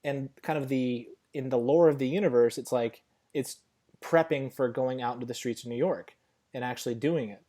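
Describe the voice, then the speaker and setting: A young man in a casual gaming podcast, talking freely with a lively, sarcastic edge. His pitch sits in the middle for a man. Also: normal speed. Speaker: podcast co-host. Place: Arizona.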